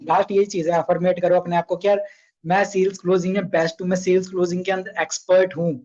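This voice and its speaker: A man's voice: high-pitched, flat delivery, quick pace, a little mellow, dull audio. A young man runs a casual online sales training session, chatty and coaxing, often asking his listeners questions.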